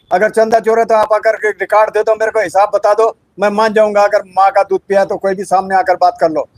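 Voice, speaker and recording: A man's voice: high-pitched, no echo, poor audio. A middle-aged ex-serviceman making an angry, confrontational statement in a protest video. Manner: indignant, confrontational, accusing. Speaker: ex-serviceman activist.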